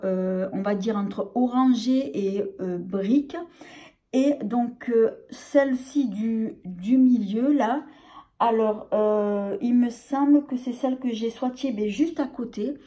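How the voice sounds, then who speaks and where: Slow, hesitant French woman vlogger. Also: fairly high pitch, warm tone. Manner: hesitant, many fillers and restarts. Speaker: beauty vlogger. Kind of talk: casual makeup review.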